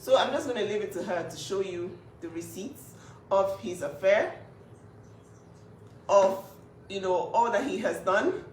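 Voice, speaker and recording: A woman's voice: medium pitch, measured pace, pauses often, slight background noise. A woman speaking up for her younger sister in a casual vlog, emphatic and indignant, with restarts. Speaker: older sister speaking up for family. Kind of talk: casual to-camera vlog talk. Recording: echoey room, voice from a distance.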